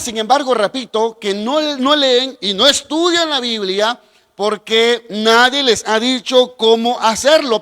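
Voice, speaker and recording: A man's voice: very high-pitched, a bit bright, in a large hall. A man teaching a Bible class, talking straight to his viewers with asides and personal stories.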